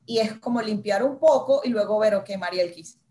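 A woman in her thirties speaks as an interview guest, recounting her working life at an easy conversational pace. She bursts into lively quoted lines of her own thoughts along the way. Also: medium pitch, normal speed, slight background noise. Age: 30s. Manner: animated, acts out her own inner dialogue. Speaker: guest, journalist.

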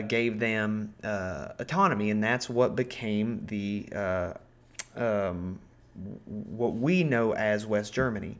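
Man, podcast host, casual history talk, lots of ums and restarts, swears freely, medium pitch. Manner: rambling, profane, full of ums and self-corrections.

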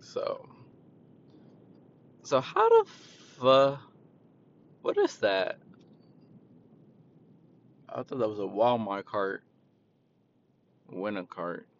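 Slow-talking man ranting about work. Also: huge pitch swings, vocal fry. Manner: profane, laid-back, quotes people in a raised voice. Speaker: retail worker. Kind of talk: casual storytelling rant. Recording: dull lo-fi with vehicle rumble.

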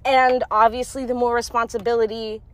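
A woman's voice: fairly high pitch, flat delivery, a little fast, fairly bright tone, dry recording. Blunt, profane young woman confiding. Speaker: vlogger. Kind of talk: candid monologue to camera.

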